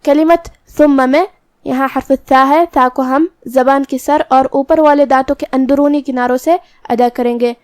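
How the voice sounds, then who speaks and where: Chanting verses slowly, a woman explains Quran recitation rules one letter at a time during a tajweed lesson. She speaks high and steady with a darkish tone, captured in studio quality with no echo.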